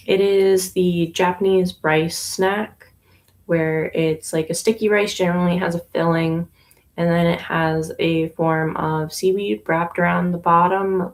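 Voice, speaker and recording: A young Canadian woman who owns a yarn shop chats casually on a livestream from inside her shop while knitting. Her lowish voice is relaxed and unhurried, with plenty of ums and pauses.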